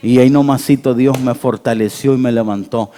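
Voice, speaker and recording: A male pastor, preaching an animated sermon with call-and-response to his congregation. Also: mid-range voice, brisk. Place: church hall. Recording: church hall with long reverb.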